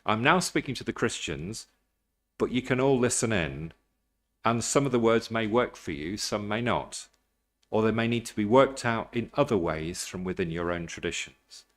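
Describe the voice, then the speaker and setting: Low-voiced man preaching. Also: lively intonation, moderate pace, fairly bright tone. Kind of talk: formal address.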